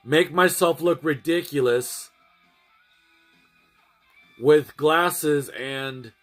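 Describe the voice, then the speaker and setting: A man's voice: fairly high pitch, extremely slow, fairly bright tone, faint music behind. A man chatting casually to his livestream audience, rambling and often restarting and repeating his phrases. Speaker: streamer.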